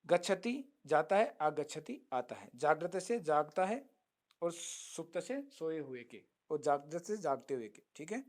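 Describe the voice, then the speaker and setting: A man teaching a Sanskrit lesson, chanting verses slowly, then explaining them and answering his own questions. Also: fairly high pitch, big pitch swings. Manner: asks students questions and answers them himself. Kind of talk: online lesson.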